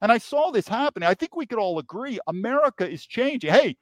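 Speaking as a guest in an interview conversation, a New York man who used to be a federal agent tells stories with heavy emphasis and lots of repeated words. His voice is very high-pitched, very animated, and fast, captured in a dry recording.

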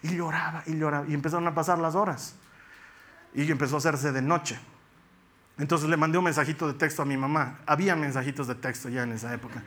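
A man delivering a heartfelt sermon in a fairly high, bright and forceful voice. He tells stories from his own life, then slows right down and drops to a soft hush to drive a point home. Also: steady tone, slight background noise. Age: adult with young children. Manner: earnest, slows and softens on key phrases. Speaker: preacher. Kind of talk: sermon with personal storytelling.

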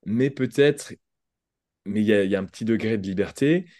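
A French man with a low, mellow voice explains pronunciation ideas in an unhurried conversational way, often restarting a phrase as he thinks. The sound is close and dry, with no room around it. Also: dry recording. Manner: thoughtful, explains with examples and restarts. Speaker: podcast guest, language entrepreneur. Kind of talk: conversational interview.

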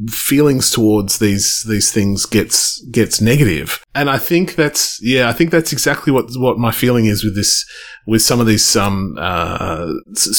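Rambling man co-hosting a tech chat. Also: on the low side. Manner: rambling, restarts sentences while thinking aloud. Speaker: podcast co-host.

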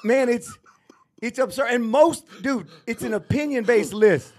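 Slight background noise sits under a man's very high-pitched, lively voice as he speaks without hurry in a Texan accent. Co-hosting a laid-back boxing show, he makes his case emphatically, ranting and circling back to the same points.

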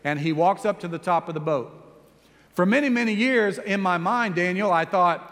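High-voiced pastor preaching in a reverberant hall. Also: male voice, moderate pace. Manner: animated storytelling, acts out quoted lines. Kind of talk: sermon.

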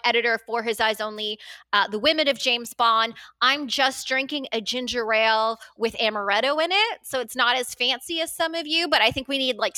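A woman professor, a guest on a podcast, cheerful and quick to laugh. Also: on the high side, pushed and bright, no echo. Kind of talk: casual chat.

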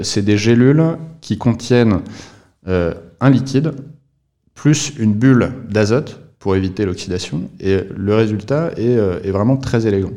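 Male podcast guest, dark and low, talks slowly around the point with lots of hesitation. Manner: explanatory, many fillers and restarts. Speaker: podcast guest, company representative. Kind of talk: podcast interview.

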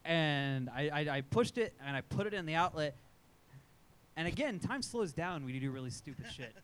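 A man's voice: fairly high pitch, animated, moderate pace, a bit bright, slight background noise. A man co-hosting a podcast in casual chat, telling a profane story and acting out his own reactions. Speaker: podcast co-host. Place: live show at a sports bar.

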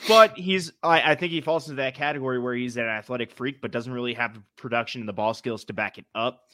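Male sports co-host, New England accent, casual and mildly profane, bright punchy tone, dry close sound. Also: medium pitch, fast, dry recording. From New England, United States.

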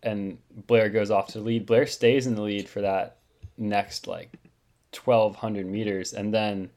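A man's voice: lowish voice, little pitch movement, unhurried, darkish tone. A young man co-hosting a podcast, talking through a race in a hesitant, chatty way full of likes. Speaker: podcast co-host. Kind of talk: casual chat, asking about a race.

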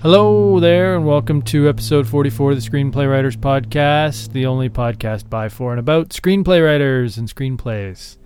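A man's voice: mid-range voice, moderate pace, hardly any pauses, darkish tone. A man co-hosting a podcast, chatting casually as he recounts a story. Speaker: podcast co-host.

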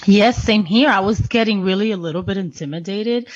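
A woman's voice: mid-range voice, fairly quick, dry recording, highs cut off. A woman in her fifties, a podcast co-host on as a guest, joking playfully and laughing often. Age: 50s.

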